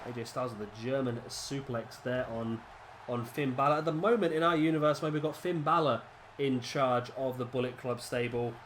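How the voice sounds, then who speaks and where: A congested man with a cold gives casual, rambling commentary over a video game, chatting as a gaming commentator and frequently restarting. His voice is medium-pitched and fairly bright, with fairly even intonation, a moderate pace, and slight background noise.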